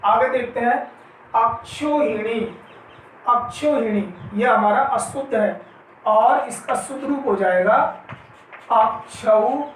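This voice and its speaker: A male Hindi grammar teacher giving an exam-prep spelling lesson, drawing out each word slowly, repeating it, and asking questions he answers himself. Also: very high-pitched, a bit bright. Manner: slow, drawn-out pronunciation of each word, repeating it. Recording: very echoey room, mic at a distance, faint noise.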